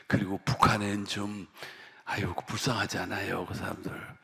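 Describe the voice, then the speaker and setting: A man preaching a revival sermon as pastor at a prayer retreat. He tells stories with drama, swings from shouts to hushed whispers, and calls out questions for the congregation to answer. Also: lowish voice, level tone, normal speed, creaky. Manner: call-and-response with the congregation. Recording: long hall reverb.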